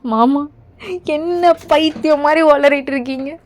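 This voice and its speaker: Woman as a soft-spoken young queen, high voice, slow, pleading, fan audio drama, faint music behind. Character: young queen, gentle and fearful for her husband.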